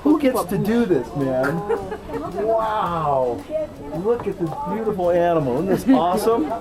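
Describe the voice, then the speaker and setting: A man hosting on location with excited wildlife commentary, wonder-struck and exclaiming, often repeating himself. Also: sits high, measured pace. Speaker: travel show host on location. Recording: loud music and crowd noise behind.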